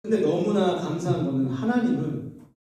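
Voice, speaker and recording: A man's voice: fairly high pitch, expressive, moderate pace, warm tone. A male pastor at a youth retreat, telling stories in a playful way, acting out scenes and leading call-and-response with young listeners. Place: church hall at a youth retreat. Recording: echoey hall, mic at a distance.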